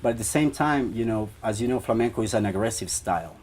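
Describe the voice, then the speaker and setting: A man's voice: lowish voice, animated, fast talker, a little mellow, a little hiss or hum. A young man from Ecuador, a band guitarist, answering interview questions in a rambling way with many fillers.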